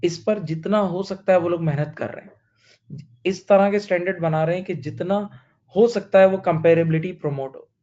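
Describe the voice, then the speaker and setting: A man teaching accounting in a classroom lecture asks his students questions and answers them himself, repeating each point and telling a story to explain it. His voice is high-pitched and mellow at a normal speed, with the highs cut off.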